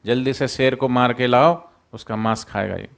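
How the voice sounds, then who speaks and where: A man's voice: medium pitch, steady tone, moderate pace, gravelly, lightly acted. A man voicing a frightened, impatient female jackal mother in a spoken moral story, scolding her mate. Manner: scolding, exasperated.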